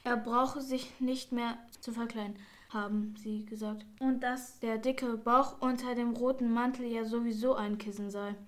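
A woman's voice: fairly even intonation, unhurried, lightly acted. Woman reading a gleeful little mouse. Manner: squeaky, gleeful. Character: cheeky little male mouse.

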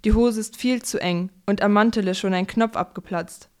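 A woman's voice: medium pitch, fairly even intonation, moderate pace, natural voice. Woman doing grumbling old Nikolaus. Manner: grumbling, gruff. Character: grumbling old bearded Saint Nicholas.

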